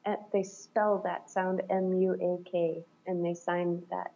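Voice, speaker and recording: Woman, mellow low voice, thoughtful, searching for words, coaching call, dull lo-fi sound. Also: level tone, slow, a little hiss or hum. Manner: thoughtful, searching, laughs often. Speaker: coaching client.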